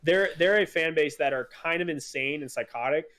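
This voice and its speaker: A man's voice: fairly high pitch, brisk, a bit bright. A man co-hosting a casual sports podcast, rambling with many fillers and restarts, enthusiastic as a fan. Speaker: podcast co-host.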